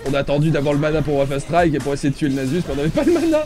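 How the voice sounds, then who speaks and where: A male game streamer talks over his match with friends, his voice high and swooping all over the place. He is excitable and mock-outraged, with quiet game music playing underneath. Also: very fast, some chatter behind. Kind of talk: casual gaming stream chat.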